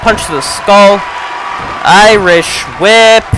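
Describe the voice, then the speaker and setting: High-voiced man shouting wrestling play-by-play. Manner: fast play-by-play, often shouting. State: losing his voice. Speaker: play-by-play commentator. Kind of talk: video game wrestling commentary. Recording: crowd noise and game sound behind.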